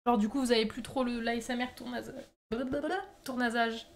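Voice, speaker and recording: Higher-voiced woman chatting casually on stream. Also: steady tone, brisk, vocal fry. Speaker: live streamer making pottery. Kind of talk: casual chat with stream viewers.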